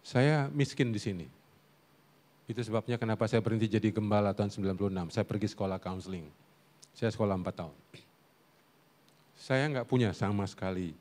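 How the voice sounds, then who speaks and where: With a lowish voice, a moderate pace, and many pauses, a middle-aged guest preacher and counselor preaches a comic Sunday sermon on family life. Storytelling animatedly, he asks the congregation questions and joins in their laughter.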